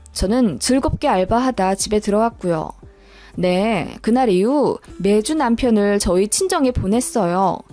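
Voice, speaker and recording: A woman reading a first-person story aloud in a calm, matter-of-fact storytelling manner. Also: on the high side. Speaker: story narrator.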